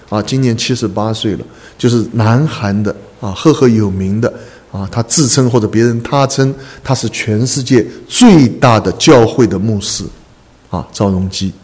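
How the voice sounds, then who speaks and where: A man preaching a sermon to a congregation, earnest, repeating phrases and filling pauses with drawn-out "ah" sounds. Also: mid-range voice, darkish tone. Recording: echoey hall reverb.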